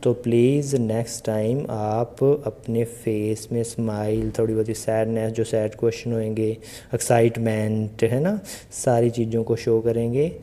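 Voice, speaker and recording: Dark-voiced chatty male IELTS coach. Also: lowish voice, steady tone, a little slow. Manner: chatty, addresses viewers directly with rhetorical questions. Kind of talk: casual Hindi tutorial monologue.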